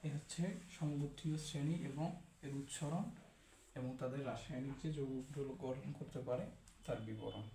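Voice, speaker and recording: A man teaching chemistry in a steady, explanatory way, repeating each term as he goes. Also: mid-range voice, normal speed, gravelly, a little hiss or hum. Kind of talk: classroom lecture. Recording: echoey room.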